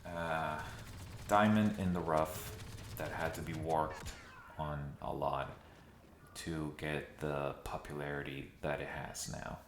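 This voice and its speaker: A man's voice: a bass voice, little pitch movement, slow pace, a little hiss or hum. A man giving casual, sometimes dryly sarcastic commentary to his viewers, recorded with heavy echo in a nearly empty room. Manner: conversational, dryly sarcastic at times. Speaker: video essayist. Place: mostly empty room in a new home. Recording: echoey reverb from an empty room.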